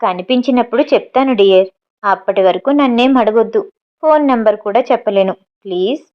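A playful, secretive young lover, read by a woman narrator in an audiobook. The voice stays fairly high, and the sound is dull and lo-fi. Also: brisk, close to an everyday voice.

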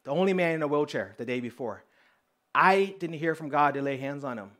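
A man preaching a sermon, telling testimony stories in a lively, conversational way and speaking straight to the congregation. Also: fairly high pitch, fairly quick. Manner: lively storyteller, acting out dialogue; conversational, addresses the congregation directly.

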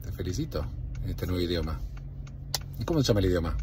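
Middle-aged man, Rioplatense accent, encouraging parent in casual chat, very low pitch with lively intonation. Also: fast talker. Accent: Rioplatense Spanish. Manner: encouraging, praising. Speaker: parent chatting with a young child. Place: inside a car. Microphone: phone at arm's length. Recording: car cabin noise.

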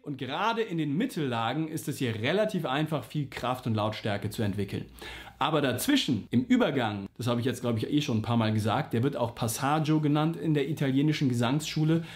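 A man's voice: medium pitch, lively intonation, a little fast. A man teaching a singing lesson, explaining simply and patiently, and sometimes singing vowel slides to show an exercise. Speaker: vocal coach.

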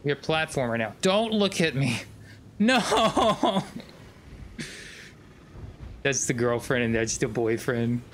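A man's voice: medium pitch, normal speed, slight background noise. A man streaming a video game, commenting casually, swearing often and bursting into sudden screams. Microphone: desk microphone.

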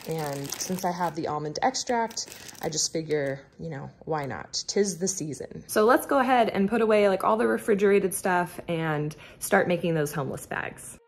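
A woman's voice: on the low side, expressive, moderate pace, a little hiss or hum. A young woman giving a chatty, upbeat voice-over for a home vlog, saying "like" a lot. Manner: chatty, upbeat, says "like" often. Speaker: home vlogger. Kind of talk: casual voice-over narration.

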